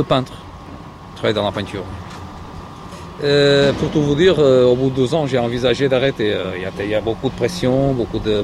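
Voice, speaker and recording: A man from Portugal, a construction site supervisor, answering interview questions in a hesitant way, full of fillers and restarts. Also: mid-range voice. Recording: street noise and traffic behind.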